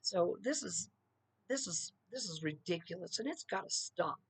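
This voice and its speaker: A woman's voice: lowish voice, expressive, moderate pace, slightly rough, no room sound. Woman ranting emphatically, dry close sound. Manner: emphatic, peppered with "okay?" and "you know". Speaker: political commentator. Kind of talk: opinionated solo rant.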